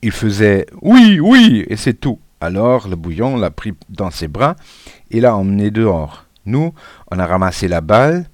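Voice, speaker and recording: A man narrating a children's story in a lively, playful way. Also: fairly low pitch, normal speed, no room sound, clean studio sound. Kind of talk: storybook reading.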